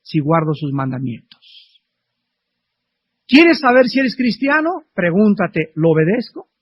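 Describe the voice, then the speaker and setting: A middle-aged male preacher delivering a fervent sermon full of rhetorical questions, swinging between loud and soft. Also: high voice, big pitch swings, unhurried, a little hiss or hum. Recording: dull lo-fi archive recording.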